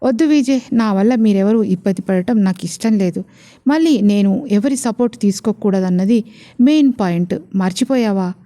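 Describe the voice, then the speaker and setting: A woman voicing a calm, clever young wife. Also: mid-range voice, normal speed, lightly acted. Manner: patient, gently persuasive.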